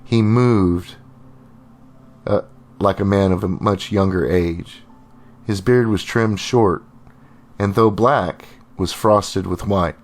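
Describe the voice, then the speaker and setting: Man, audiobook narration, wry and conversational, low voice. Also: slow pace, pauses often. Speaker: storyteller. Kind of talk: first-person audiobook narration.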